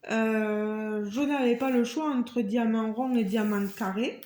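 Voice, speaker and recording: A woman's voice: a little high, fairly even intonation, takes it slowly, a little mellow, reverberant. A woman vlogger chatting to her viewers as she unboxes a craft kit, marvelling at each item. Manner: chatty, addresses viewers directly; marvels at the items she shows. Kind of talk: casual unboxing vlog.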